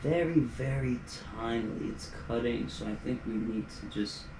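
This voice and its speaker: A man's voice: mid-range voice, normal speed, noisy background. A man walking through his music production, casual and laid-back, thinking aloud as he works. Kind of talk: casual studio walkthrough. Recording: roomy sound with music playing. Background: music tracks playing.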